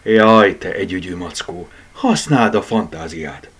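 Man doing a breathy little girl. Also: animated, fairly bright tone, full character voice. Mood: playful. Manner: high, breathy child voice. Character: small sleepy girl, bossy with her toys.

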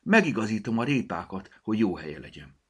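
A man voicing a hearty old peasant market woman with a Palóc accent in a storybook, loud and folksy. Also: on the low side, very animated, slightly rough, pitched above the performer's own voice. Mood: bustling.

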